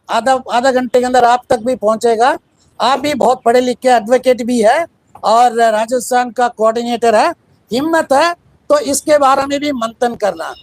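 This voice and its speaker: A man's voice: very high voice, no echo, low-quality recording. A man hosting a protest video, challenging his opponents and rallying viewers. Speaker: video host.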